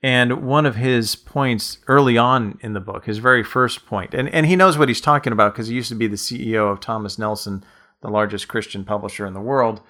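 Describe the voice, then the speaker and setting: A man's voice: medium pitch, a little fast, sharp tone. A man co-hosting a podcast as an author, telling long, rambling, reflective stories in casual conversation.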